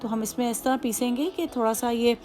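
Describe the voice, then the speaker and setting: Hosting a cooking channel, a Hyderabadi-accented woman patiently talks through a home recipe step by step, chatting and throwing in plenty of asides. She speaks fairly quickly in a high, dark-toned voice with a steady tone, and faint music plays behind her.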